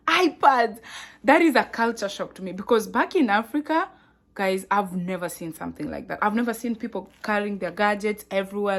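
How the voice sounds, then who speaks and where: A young Kenyan woman talks straight to her viewers in a casual vlog. Her Kenyan accent is clear, and she keeps the delivery animated, exclaiming and laughing as she chats. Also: mid-range voice. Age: young adult. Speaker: vlogger. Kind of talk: casual vlog talk to camera.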